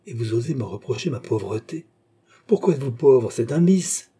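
A man reading an audiobook, voicing a fierce young woman who answers with contemptuous, sharp retorts. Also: mid-range voice, lively intonation, normal speed, breathy edge. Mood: scornful. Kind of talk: audiobook character voice.

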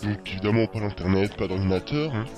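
A teenage male web radio presenter with a fairly low voice. He talks informally to his listeners, with music clearly playing behind him. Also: quick pace. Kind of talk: informal spoken radio segment.

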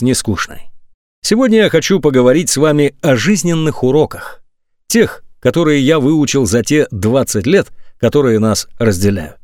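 A man narrates a nonfiction audiobook in a scripted, emphatic style, reading lively with wide pitch swings. The recording is dry and studio quality.

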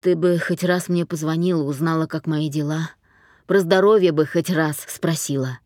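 A woman's voice: fairly even intonation, moderate pace, darkish tone, no echo, clean studio sound, lightly acted. A woman voicing an irritable middle-aged father who talks down to his daughter, in an audiobook. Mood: weary. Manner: low, contemptuous, curt.

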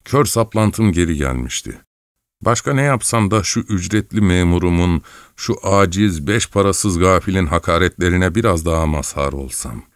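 Deep-voiced man narrating an audiobook. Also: moderate pace, dry recording, studio quality. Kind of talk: first-person audiobook narration.

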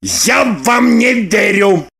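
A woman voicing a hot-tempered, sarcastic grown man in an audiobook, prone to shouting outbursts. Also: fairly low pitch, sing-song, a little slow, husky, exaggerated voice. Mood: indignant. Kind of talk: audiobook character reading.

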